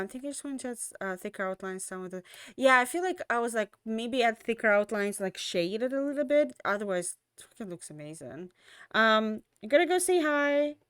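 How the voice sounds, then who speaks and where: A young female streamer with a mid-range voice winds down with loose, casual end-of-stream chat full of ums and restarts. Though tired and losing her voice, she still sounds smooth and clear. The recording is close and dry, with no room sound.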